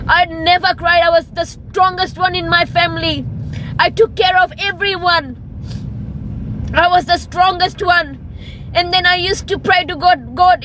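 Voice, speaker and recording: A woman's voice: very high voice, sharp tone, poor audio. A woman in her thirties speaking into her phone in a raw, pleading confessional monologue, repeating phrases for emphasis and slipping into Hindi. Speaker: vlogger.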